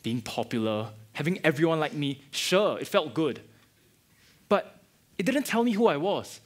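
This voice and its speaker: A young man plays a wounded yet forgiving friend. His voice sits a little higher than most men's, and his speech is earnest and reflective, in the manner of a student stage play. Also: very animated, normal speed.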